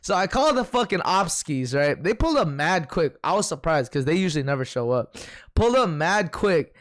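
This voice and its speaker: A man's voice: a little high, sing-song, fairly quick, fairly bright tone. A young man livestreaming, telling a story in slangy, profane casual chat and reading viewer comments.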